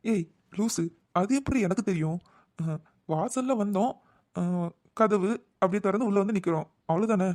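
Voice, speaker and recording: A man's voice: sits high, moderate pace, pauses often, a little mellow, no room sound, clean studio sound, close to an everyday voice. A man voicing a flustered young brother in a cartoon, bickering with his sister and muttering panicky asides. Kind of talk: cartoon voice acting.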